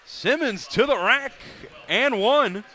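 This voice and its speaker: Bright play-by-play man calling basketball. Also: extremely high pitch, animated, slight background noise. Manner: brisk, rising sharply on big plays. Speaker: play-by-play announcer. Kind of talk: live basketball commentary. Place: arena broadcast booth.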